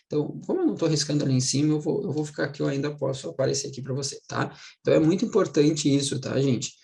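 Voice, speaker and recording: A man teaching Portuguese in a casual online lesson. He keeps checking in with his students and slows down to stress words as he explains them. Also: on the high side, vocal fry, warm tone. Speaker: Portuguese teacher for exam prep.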